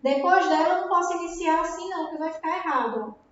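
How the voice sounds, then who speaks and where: A woman with a Brazilian Portuguese accent teaches a grammar lesson in a very high voice at a fast pace, frequently using tag questions to check understanding. This recorded classroom lesson has a dull sound and a very echoey room.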